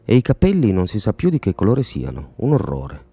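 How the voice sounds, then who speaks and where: A man's voice: huge pitch swings, fairly quick, warm tone, slightly rough, no echo, soft background music, exaggerated voice. A man doing a spiteful, jealous mother. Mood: gossipy scorn. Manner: shrill, sarcastic, spiteful gossip. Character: scornful jealous middle-aged mother, gossiping. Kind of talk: audiobook character voice.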